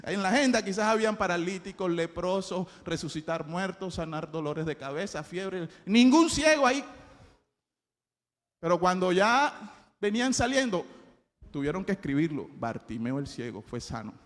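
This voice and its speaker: High-voiced pastor preaching in a reverberant hall. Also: male voice, animated, normal speed. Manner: impassioned preaching that swings from loud shouted cries to low quiet passages. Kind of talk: sermon.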